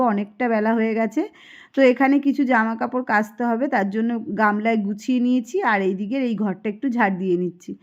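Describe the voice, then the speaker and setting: A woman in her thirties from Kolkata, India, speaks with a Kolkata Bengali accent in a slightly high voice, and the highs are cut off. She's a vlogger narrating a casual home vlog indoors, chatting homely and chatty with viewers as she gives running commentary on her chores.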